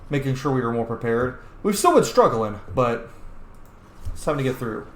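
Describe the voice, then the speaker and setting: A man with a medium-pitched, sing-song voice talks at a normal speed, giving casual, informal and sometimes sweary commentary as a gaming streamer role-playing through a video game. He mixes the playthrough talk with in-character replies. The recording has a roomy echo and faint background noise.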